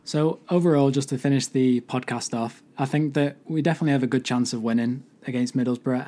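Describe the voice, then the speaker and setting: A man with a hoarse, mostly lost voice hosting a solo football podcast, giving earnest fan opinions. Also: mid-range voice, warm tone. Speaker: podcast host.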